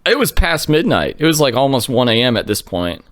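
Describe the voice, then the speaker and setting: A man telling a story in a laid-back, casual way, full of likes and you-knows, on a close mic in a small quiet room. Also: medium pitch, big pitch swings, fairly quick, no echo.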